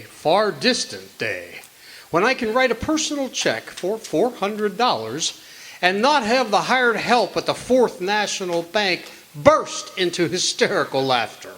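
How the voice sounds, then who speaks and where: A man's voice: high voice, sing-song, slow, fairly bright tone, heavily acted, rough recording. A man playing a pompous, dryly sarcastic small-town doctor in an old-time radio comedy, talking with droll mock grandeur.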